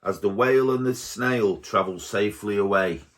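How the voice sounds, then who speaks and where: A man reading a rhyming picture book aloud to his baby at home, slowly and gently. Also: fairly low pitch. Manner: slow, gentle storybook reading.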